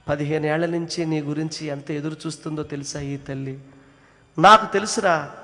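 A man's voice: on the high side, fairly bright tone, big-room sound. A man voicing an old one-eyed mother who pleads tenderly, rising to anguished cries.

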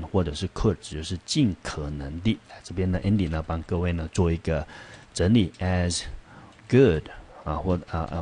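A man's voice: sits low, a little mellow, husky. A male English teacher gives a vocabulary lesson, patiently explaining and asking the class rhetorical questions as he reads English example sentences.

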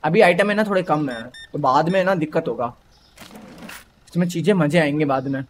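A man's voice: a little high, moderate pace, a little hiss or hum. Playful young man commentating a game. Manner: playful, teasing, talks to game characters. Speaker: gaming YouTuber. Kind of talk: casual gameplay commentary.

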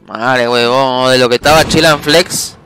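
A man's voice: mid-range voice, fairly even intonation, unhurried, fairly bright tone, faint music behind. A man streaming a match, swearing and ranting in exasperation at his teammates. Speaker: game streamer. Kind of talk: live gameplay commentary.

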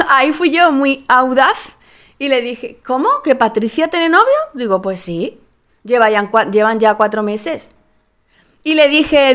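High-pitched woman, middle-aged, chatty and animated, acts out the dialogue in her stories. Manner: animated storytelling, acting out dialogue. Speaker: host. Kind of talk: casual talk to viewers.

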